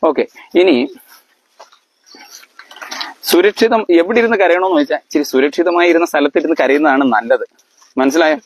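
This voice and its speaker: Man quizzing his family, fairly high voice. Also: big pitch swings, gravelly. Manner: quizzes listeners, keeps asking if they understand; halting, with fillers and restarts. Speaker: family elder explaining to family. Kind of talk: lecture-like family talk.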